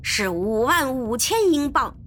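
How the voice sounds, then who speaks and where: Sly, persuasive detective voiced by a woman, low and conspiratorial, storybook. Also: big pitch swings, measured pace, pushed and bright, soft background music, heavily acted. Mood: scheming.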